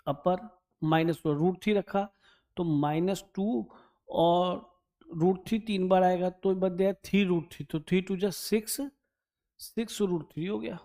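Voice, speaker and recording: A male maths teacher works through an exam problem out loud, muttering and humming as he checks his sums. He talks to his students directly and often asks them to confirm each step. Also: high-pitched, a little slow. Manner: thinks aloud while calculating, humming and checking numbers; chatty, addresses students directly and keeps asking "right?".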